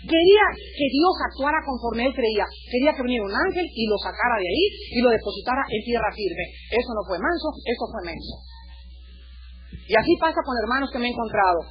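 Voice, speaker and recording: A man with a Mexican Spanish accent preaching a sermon in church, animated and joking between serious points. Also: very high-pitched, highs cut off. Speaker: pastor.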